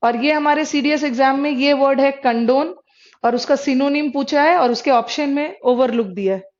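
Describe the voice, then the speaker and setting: A woman's voice: high voice, normal speed, a little mellow. A woman teaching English vocabulary in a live online class, explaining in mixed Hindi and English, repeating words and checking with her students. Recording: dull lo-fi sound.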